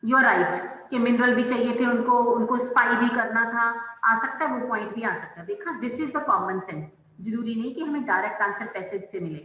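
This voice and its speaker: A woman teacher leads an online class in a bright, forceful voice that sits a little high. She talks slowly and deliberately, drawing out her phrases as she calls on students by name. The sound rings in an echoey room with a long tail of reverb. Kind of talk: online class lesson, mixing Hindi and English.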